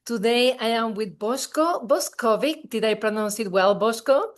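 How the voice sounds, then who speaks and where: An enthusiastic woman hosting an interview podcast, admiring as she introduces her guest. Her voice sits a little higher than most. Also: lively intonation, normal speed. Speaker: podcast host.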